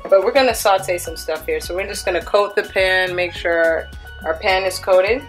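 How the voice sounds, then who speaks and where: A woman's voice: fairly low pitch, normal speed, faint music behind. A woman filming a casual cook-along in her home kitchen, chatty and upbeat as she talks through each step. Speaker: cooking vlogger.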